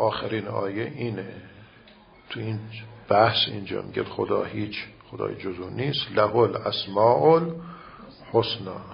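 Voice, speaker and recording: An older male cleric preaches in a heavily gravelly, rough and husky voice, talking to his listeners in a relaxed, storytelling manner and repeating phrases for emphasis. The recording sounds somewhat dull and lo-fi. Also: medium pitch. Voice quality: gravelly and raspy. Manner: conversational preaching with anecdotes and repetition. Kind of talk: sermon.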